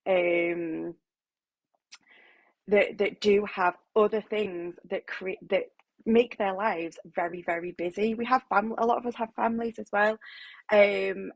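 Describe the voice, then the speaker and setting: A woman talking casually to her writing group in a live session, full of fillers and restarts. Her voice has a gravelly, fried edge, and it sounds dry and close, with almost no room sound. Her pitch sits in the middle for a woman. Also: fairly even intonation, measured pace, dry recording, low-quality recording. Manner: chatty, many fillers and restarts. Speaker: author and writing coach.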